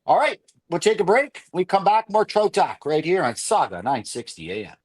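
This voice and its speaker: Animated man hosting sports radio. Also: high voice, normal speed. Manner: animated storyteller, laughs often. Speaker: radio sports show host. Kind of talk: casual sports radio chat. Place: radio studio.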